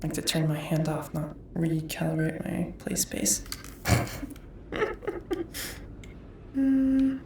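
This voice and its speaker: A woman chats unhurriedly with her live-stream viewers while she composes music in VR. Her voice has a noticeable gravelly fry. She laughs easily and mutters to herself whenever the tech acts up. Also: deep voice, expressive, slow, pauses often, darkish tone, slight background noise. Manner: chatty, laughs often, mutters to herself over technical glitches. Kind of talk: casual live-stream chat.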